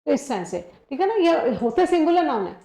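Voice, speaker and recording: A woman teaching an exam-prep grammar lesson, explaining step by step and often checking in with her students while she reads example sentences slowly. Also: high-pitched, sing-song, vocal fry, mellow, reverberant.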